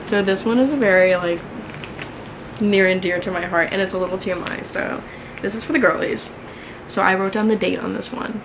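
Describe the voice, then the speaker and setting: A young American woman in her early twenties reads her old diary aloud in a candid, mildly embarrassed way, with chatty, sweary, self-mocking commentary. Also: fairly low pitch. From New York, United States. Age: early 20s. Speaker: vlogger. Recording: clearly noisy room ambience.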